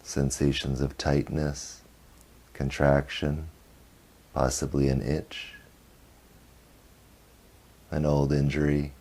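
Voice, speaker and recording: In this guided meditation, a male teacher speaks in a very low, mellow tone, slowly and with little melodic variation. He keeps his phrases short and leaves long silences between them.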